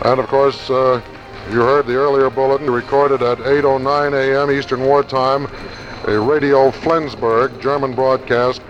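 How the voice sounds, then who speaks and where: A man's voice: mid-range voice, fairly even intonation, unhurried, soft background music. A man reading a radio news bulletin in a 1940s old newsreel manner. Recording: muffled 1940s radio archive recording.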